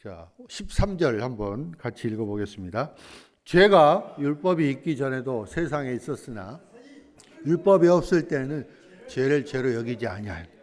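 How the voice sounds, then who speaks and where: A man, a church pastor, delivering a sermon in an animated preaching manner and sometimes acting out voices in a story. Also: mid-range voice, normal speed.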